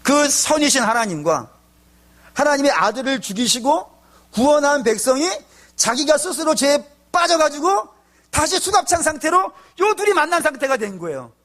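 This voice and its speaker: A male pastor preaching a sermon, asking the congregation rhetorical questions and acting out tearful prayers, swinging between loud pleading and hushed low tones. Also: big pitch swings, normal speed. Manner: acts out tearful prayers in his own voice.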